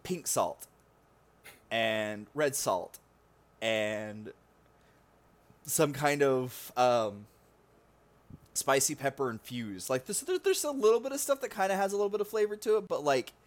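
A man's voice: medium pitch, sing-song, measured pace, long pauses. A man narrating as game master of a tabletop role-playing game, casual and full of fillers. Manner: casual, filler-heavy narration with many likes and ums.

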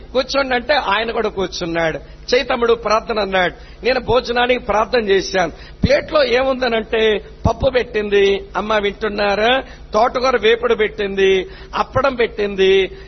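High husky male Telugu preacher. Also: lo-fi sound. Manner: retells stories with acted dialogue, often asks the audience if they follow. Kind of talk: Telugu storytelling sermon.

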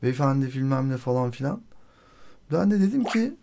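Guy telling a story on his podcast, mellow warm voice, acts out every line he quotes, swears a lot. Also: medium pitch, moderate pace, vocal fry. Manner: animated, acts out quoted dialogue; swears freely. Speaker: podcast host. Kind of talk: casual storytelling monologue.

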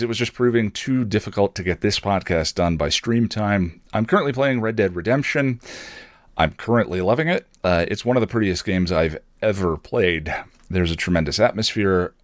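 With a lowish voice and no echo in the recording, a podcast host who also streams rambles through some casual announcements, joking drily at his own expense.

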